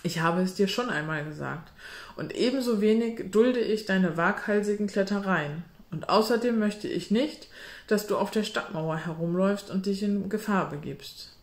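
A woman's voice: fairly low pitch, moderate pace, natural voice. Cold commanding stepfather, read by a woman, clipped, storybook, roomy room sound. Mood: stern. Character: cold, stern smiling stepfather, middle-aged man. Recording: roomy echo.

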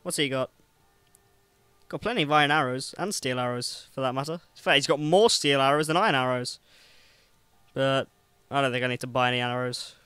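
A man's voice: mid-range voice, fairly quick, bright, forceful tone, smooth, no room sound. A young man chatting through a video game, joking and talking back at the characters. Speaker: gameplay commentator. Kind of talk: let's play commentary.

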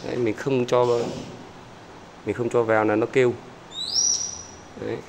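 A chatty man, speaking at a mid pitch as he keeps turning to his viewers. He repeats small pointing words while talking outdoors. A faint hum of outdoor noise sits behind his voice. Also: level tone, a little slow. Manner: chatty, repeats "there" often, talks to viewers. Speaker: bird-keeping vlogger. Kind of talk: casual talk to camera viewers.

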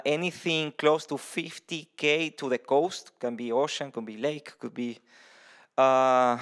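A man from Venezuela in his thirties gives a conference talk into a handheld mic. He speaks in a loose, conversational way, restarting phrases and filling pauses with ums. His voice sits at an ordinary pitch for a man, and he is heard in a large, dark conference hall.

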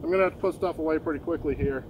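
An easygoing man in his thirties talks casually about his work outdoors, a bit high-pitched for a man. He rambles and restarts his words as he goes. A faint outdoor hum sits underneath him. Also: racing, a little mellow. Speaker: woodworking channel host. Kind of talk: casual outdoor workshop commentary. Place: outdoor sawmill yard in the woods.

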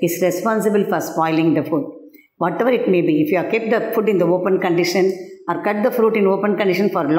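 A woman's voice: medium pitch, darkish tone. An older woman with a South Indian Tamil accent teaching a school science class, asking questions and answering them herself as she explains. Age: older, around 60s. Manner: asks and answers own questions, checks understanding. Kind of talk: classroom lesson at a blackboard. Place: indoor classroom at a blackboard. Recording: echoey classroom.

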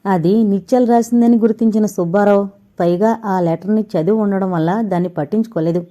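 Woman, audiobook narrator, mellow, steady storytelling reading. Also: mid-range voice, a little fast, dull audio. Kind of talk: scripted narration of a novel.

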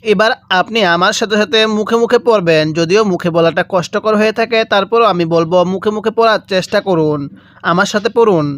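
A man teaching Quran reading, spelling out letters and vowel marks and drawing out syllables slowly for listeners to repeat after him. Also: sits high, a bit bright, no echo. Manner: draws out recited syllables very slowly. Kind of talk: step-by-step recitation lesson.

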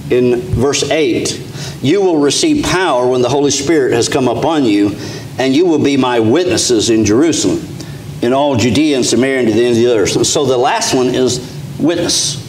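Kentucky pastor preaching in an echoey church. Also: male voice, medium pitch. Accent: Appalachian Kentucky. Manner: conversational preaching with frequent restarts and fillers, gesturing while standing. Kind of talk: sermon. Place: small church sanctuary, indoors. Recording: echoey church room with faint hum.

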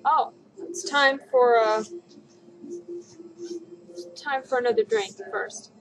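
This young woman's pitch sits fairly high and her tone stays steady as she talks slowly through a makeup tutorial. She's giggly and sounds drunk, chatting casually in her living room. Her webcam catches some background noise.

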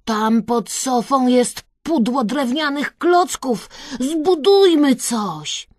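A woman's voice: high-pitched, animated, takes it slowly, dry recording, voice pushed up, full character voice. A mischievous little boy from a children's tale, voiced by a woman, speaks in a slightly raised, emphatic voice. His tone is blunt and teasing, and the recording is dry and close. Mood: eager. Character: cheeky little boy with green hair.

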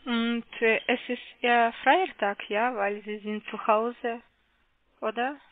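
A woman with a slightly high voice speaks slowly with fairly even intonation. She's a call center agent, not a German speaker, asking hesitant, repetitive, polite questions during a phone sales conversation. The audio is muffled and comes through a narrow telephone line.

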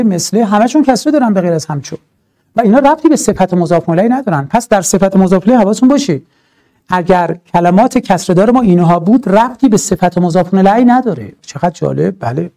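A man teaching a grammar lesson for exam prep, talking in an animated, emphatic way with drawn-out stresses and rhetorical asides. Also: sits high.

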